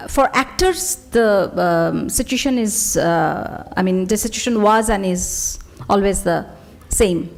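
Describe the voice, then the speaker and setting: Actress on a panel, lots of uh and um, searching for words. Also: female voice, medium pitch, a little mellow. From Bangladesh. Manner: halting, many fillers, searching for words. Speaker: actor. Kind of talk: panel discussion.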